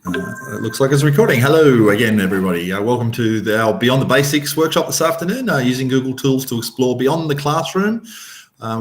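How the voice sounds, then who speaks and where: Middle-aged Australian man presenting a webinar. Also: on the low side. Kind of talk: informal presentation. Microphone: video call.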